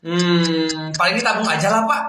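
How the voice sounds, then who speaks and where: A woman's voice: fairly low pitch, moderate pace, echoey room, recorded from a distance, a little hiss or hum, voice pushed down. A woman playing a polite, cheeky schoolboy who jokes with his teacher in a skit. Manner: deadpan jokes, ends lines with "Pak".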